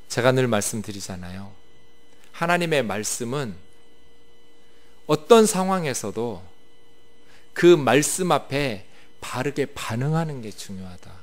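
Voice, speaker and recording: Man, pastor, sermon, lively swinging pitch, explanatory. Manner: animated, explanatory, asks the congregation questions.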